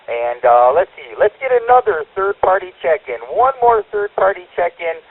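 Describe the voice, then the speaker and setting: A man's voice: high-pitched, wildly swooping pitch, moderate pace, gravelly, no room sound. Folksy man over a tinny two-way radio. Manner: folksy radio lingo, upbeat. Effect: two-way radio transmission. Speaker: net control operator. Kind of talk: radio net check-ins.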